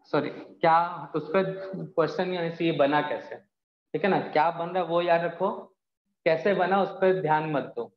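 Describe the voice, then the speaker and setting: A man teaching a chemistry class, patient and explaining step by step while answering students' doubts. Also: fairly high pitch. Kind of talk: live online class. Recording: echoey, dull lo-fi sound.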